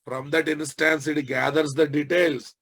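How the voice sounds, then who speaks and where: In an informal technical lecture, a software instructor with a Telugu Indian accent repeats phrases and keeps asking tag questions to make sure listeners follow. He speaks unhurriedly in a level tone, with a gravelly voice on the high side.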